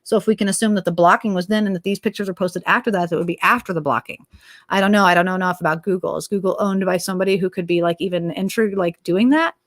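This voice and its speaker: A woman's voice: fairly low pitch, fast, no room sound, studio quality. Sarcastic, rambling woman host. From Minnesota. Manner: sarcastic, rambling, drops into whispers for asides. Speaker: political commentary host. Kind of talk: casual solo political commentary.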